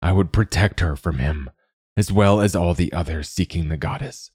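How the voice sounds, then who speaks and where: A man voicing a gentle, wise older male guide who speaks slowly and in a fatherly way. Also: sits low, breathy edge, no echo, studio quality. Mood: solemn. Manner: slow, fatherly, calls the youth lad.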